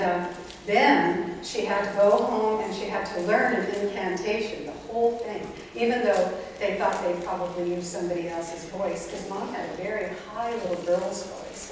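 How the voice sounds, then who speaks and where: A woman telling family stories to a live audience in a chatty, animated way. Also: mid-range voice. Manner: chatty, animated, with many fillers. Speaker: panel speaker. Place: large indoor event hall. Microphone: far camera. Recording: echoey hall from far off, noisy.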